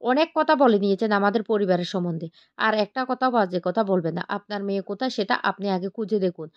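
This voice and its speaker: A woman's voice: mid-range voice, lively intonation, fast, no echo, dull audio, close to an everyday voice. A woman voicing a firm, protective young husband who issues warnings, in a retold TV serial.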